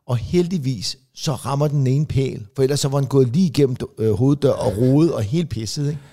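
A man with a dark, mellow voice at an ordinary middle pitch, chatting casually as a podcast co-host. He tells long, rambling stories, stumbling through fillers and restarts. Now and then he jumps into a higher, clipped voice to act out a family member. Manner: acts out family members in quick, raised voices. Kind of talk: casual chat, storytelling.

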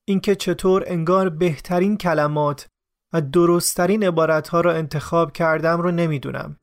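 A man narrating a true story in the first person for a podcast, in a calm, measured, reflective way. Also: a little high. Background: faint music.

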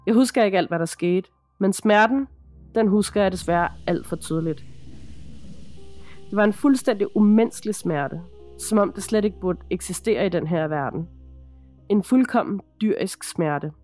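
A woman podcast host reading a first-person horror account in a measured, dramatic storytelling manner. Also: medium pitch, a little mellow, faint music behind.

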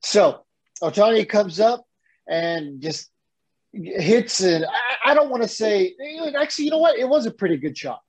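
Speaking at a measured pace with a breathy edge, this man's voice sits high. He's a co-host on a laid-back sports podcast, ranting animatedly and cursing from time to time.

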